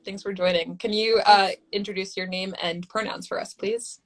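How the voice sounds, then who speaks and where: A woman's voice: mid-range voice, steady tone, moderate pace, poor audio. A woman hosting a live audio chat, introducing guests and asking them questions in a friendly way. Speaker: host and moderator.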